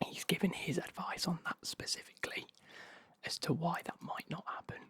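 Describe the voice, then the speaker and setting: A man giving a casual whispered ASMR unboxing as host, rambling and correcting himself in a breathy whisper. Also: a little high, fairly even intonation, normal speed, fairly bright tone, no echo. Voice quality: breathy whisper with creaky edges.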